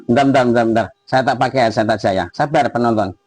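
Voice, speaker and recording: A man in a live online interfaith debate. He interrupts often, corrects his opponent and repeats short words in quick bursts. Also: mid-range voice, a little mellow, husky.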